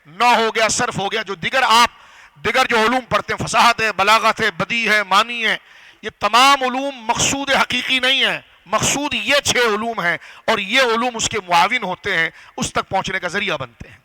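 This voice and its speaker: A man preaching a religious lecture to a gathering, teaching step by step, asking the audience questions and slowing down on key phrases. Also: high-pitched, pushed and bright, rough recording. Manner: didactic, rhetorical questions to audience. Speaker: Islamic scholar and preacher. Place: gathering hall.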